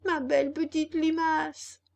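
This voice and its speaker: Pinocchio, a woman doing a shrill impatient puppet boy. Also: level tone, slow, vocal fry, full character voice. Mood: pleading impatient. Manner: high-pitched, loud, urgent.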